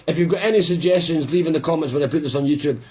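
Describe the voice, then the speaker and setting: A man hosting a live listening party, chatting casually and rambling with quiet amusement as the record plays. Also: on the high side, slightly rough.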